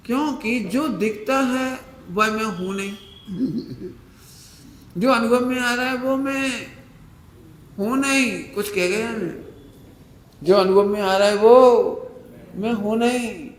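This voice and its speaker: A man delivers a sermon in a high voice, drawing his words out at an unhurried, deliberate pace. He stresses key words by repeating them and puts questions to his listeners. His voice rings out with the long reverb of a large hall. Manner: emphatic, repeats key words slowly, asks the audience questions. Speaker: Jain preacher. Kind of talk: sermon to a live audience. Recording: echoey hall.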